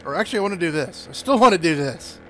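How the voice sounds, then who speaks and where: A man chatting casually as he plays, excitable and quick to break into panicked yelps. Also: high-pitched, a little hiss or hum. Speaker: gaming streamer. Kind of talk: casual gameplay commentary.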